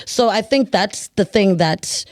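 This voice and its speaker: A young South African woman from Cape Town, a guest in a casual podcast chat, talking in a lively, chatty way and laughing often. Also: mid-range voice, measured pace, no echo, studio quality.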